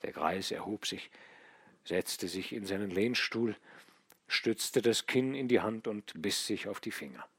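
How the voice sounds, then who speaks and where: Husky-voiced man narrating an audiobook. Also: on the low side, dry recording. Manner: measured, even storytelling. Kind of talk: scripted literary narration.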